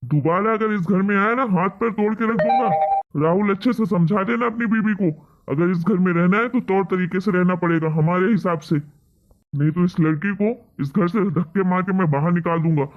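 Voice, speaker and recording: A stern father-in-law in a cartoon rages and threatens, voiced by a man. His voice sits high for a man. The sound is thin and phone-like. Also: moderate pace. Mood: angry. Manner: gruff, threatening.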